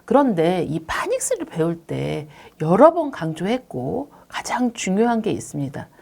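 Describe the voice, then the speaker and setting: Lively-voiced woman explaining to parents. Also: lowish voice, moderate pace, gravelly. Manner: polite, explains step by step. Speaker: English academy director.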